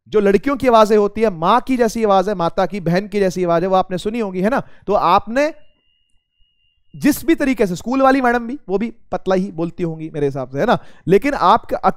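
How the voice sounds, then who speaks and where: Male teacher, high voice, dry close sound, casual physics lesson, asks and answers own questions, slightly strained throat. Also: clean tone, dry recording. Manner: addresses students as beta, asks and answers his own questions.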